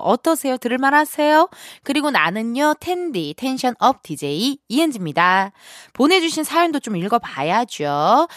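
Bubbly, lively-voiced woman radio DJ. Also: on the high side, dry recording, clean studio sound. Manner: bubbly, playful, quick shifts of tone. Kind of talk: radio show talk, reading listener stories. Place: radio studio. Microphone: studio microphone.

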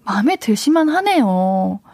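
A woman's voice: medium pitch, sing-song, unhurried, darkish tone, no room sound. A woman hosting a radio show, chatting casually with listeners and reading their messages in a studio. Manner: chatty, addresses listeners directly. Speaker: radio DJ host. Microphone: studio microphone.

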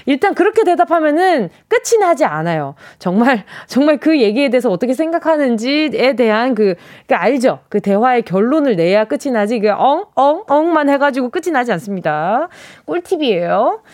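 A high, bouncy female radio DJ hosting a listener quiz from the studio. Her voice swings widely as she reads messages and mimics the sounds they describe. The sound is close and dry, with no room echo. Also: very animated, moderate pace, hardly any pauses, a little mellow. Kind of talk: radio call-in quiz chat. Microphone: studio microphone.

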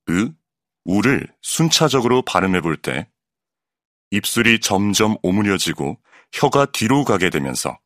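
Male voice actor for a factual audiobook: deep and very dry, with a lively melody across the line. Clear, measured explanatory read, close-miked. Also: no echo. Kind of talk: scripted educational narration.

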